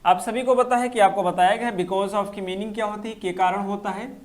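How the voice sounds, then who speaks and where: A man teaching English grammar in a live online class, answering viewer comments and slowly repeating key phrases. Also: high voice, steady tone.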